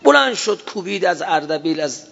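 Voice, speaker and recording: A man's voice: sits high, very animated, vocal fry, a bit bright. Middle-aged guy lecturing, storytelling, voice jumps up for emphasis, muffled hall sound. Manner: storytelling with acted-out quotes and rising emphasis. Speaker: speaker. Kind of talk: religious lecture. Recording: dull sound in a long-reverb hall.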